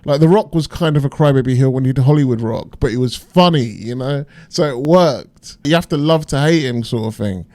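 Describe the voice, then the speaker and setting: A man's voice: mid-range voice, fairly quick, hardly any pauses, a little mellow, no room sound. A man giving casual, off-the-cuff reaction commentary, slangy and musing aloud as he goes.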